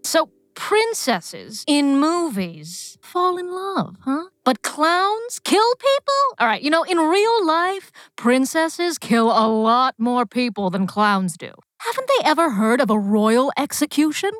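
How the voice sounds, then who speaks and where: A woman's voice: sits high, sing-song, slow, hardly any pauses, no room sound, clean studio sound, full character voice. A woman playing a self-important, boastful professor and proud old-hand clown who hosts a comedy podcast, grandiose and theatrical. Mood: haughty, defensive. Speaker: podcast host. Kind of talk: comedy podcast character acting.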